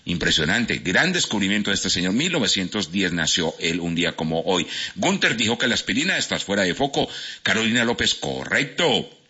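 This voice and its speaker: Husky, lively radio host man. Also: deep voice. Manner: lively, rattles off listener answers with quick verdicts. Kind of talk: radio quiz show banter. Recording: dull lo-fi radio broadcast.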